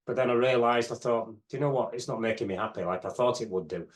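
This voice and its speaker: This is a man in his fifties, a fitness expert appearing as a guest in an interview. He speaks in a reflective, unhurried way and often drifts into "you know" as he thinks aloud. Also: mid-range voice. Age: 50s. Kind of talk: casual interview chat.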